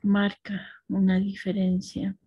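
A woman teaching a class, talking thoughtfully with restarts and soft affirmations to her students. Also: medium pitch, completely flat delivery, takes it slowly, no echo, muffled recording.

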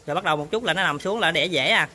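High, bright-voiced farmer. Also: male voice, rapid-fire, a little hiss or hum. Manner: chatty, addresses viewers often. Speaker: pig farmer vlogger. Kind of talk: casual on-farm demonstration. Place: pig barn.

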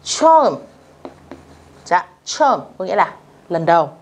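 A woman teacher with a voice of middling pitch walks beginners through a language lesson. She is patient and repeats each phrase slowly. She keeps pausing to ask whether everyone has followed along. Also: lively intonation.

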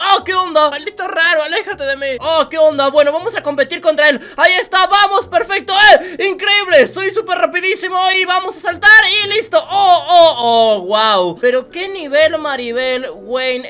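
High bright excitable gaming woman. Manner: excitable, jokey, frequent exclamations. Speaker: gaming YouTuber. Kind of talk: playful let's-play commentary.

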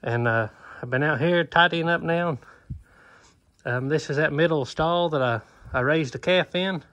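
A man's voice: fairly high pitch, measured pace, a bit bright, lo-fi sound. Easygoing man in a barn. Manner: easygoing, plainspoken, many "uh" fillers. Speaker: homesteader vlogger. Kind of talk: casual walkthrough narration. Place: open wooden barn, outdoors. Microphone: phone camera held at arm's length.

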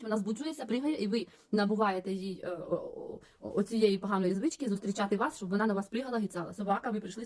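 Fast-talking woman giving dog-care advice. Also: mid-range voice, darkish tone. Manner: practical, instructive, with frequent hesitation sounds. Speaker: dog trainer. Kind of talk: advice monologue.

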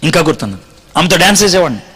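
A man preaching a storytelling sermon, acting out the dialogue and swinging between loud, excited lines and hushed, quiet ones. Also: a little high, very fast, breathy edge, long reverb tail.

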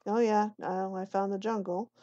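A woman co-hosting a casual gameplay session, easygoing and quick to laugh along. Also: medium pitch, little pitch movement, warm tone, no room sound, muffled recording. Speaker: co-host player. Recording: faint background noise.

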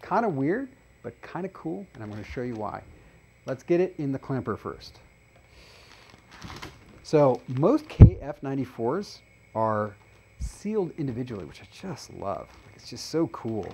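A man's voice: mid-range voice, gravelly, dark tone, a little hiss or hum, poor audio. A man hosting a casual review show, explaining test results as he goes with frequent fillers. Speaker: host reviewing face masks.

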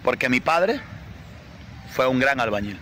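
A man's voice: mid-range voice, very animated, a little slow, sharp tone, slight background noise, poor audio. A man reciting a rhymed poem in a declaiming, emotional manner.

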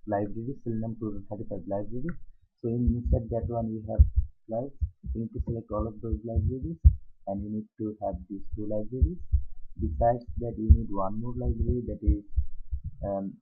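A hoarse man with a cold talks through a screencast tutorial as an instructor, halting often with fillers and restarts. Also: on the low side. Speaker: software testing instructor. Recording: tinny phone-like audio.

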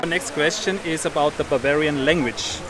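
A man's voice: a little high, a little fast, over loud music. A man, a co-host quizzing tourists outdoors in a playful, jokey way. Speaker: co-host and quiz master. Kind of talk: street interviews, casual quiz. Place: busy city square outdoors. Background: loud crowd.

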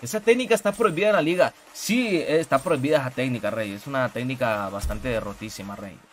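A young man streaming a fighting game live, hyping his plays and greeting viewers by name in an excitable, slangy way. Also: medium pitch, quick pace, a little hiss or hum. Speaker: livestream gamer. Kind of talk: live gameplay commentary. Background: game music.

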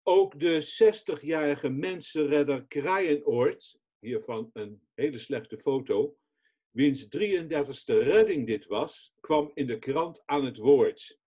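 A man, a society chairman, giving a webinar talk from notes in a measured reading voice with small restarts, over a computer mic. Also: a little high, warm tone, husky.

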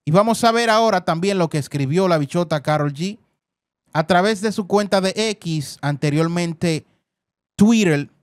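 A man's voice: sits high, normal speed, dry recording. A man hosting celebrity news, talking effusively over clips, repeating words and calling his viewers family. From Dominican Republic. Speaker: entertainment news host.

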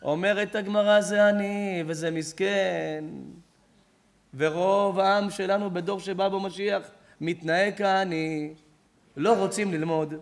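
High-voiced man giving an animated sermon. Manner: animated storyteller who acts out everyday dialogues; asks the audience pointed rhetorical questions. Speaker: rabbi giving a Torah lesson. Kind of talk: sermon-style Torah lesson to a live audience. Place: lecture hall or synagogue at an evening event.

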